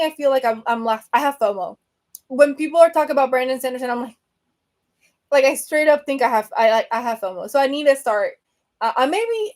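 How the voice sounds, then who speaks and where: A Venezuelan woman hosts a book podcast on a live stream, chatting casually and answering viewer comments while rambling with many fillers and self-corrections. Her voice sits high and has a darkish tone.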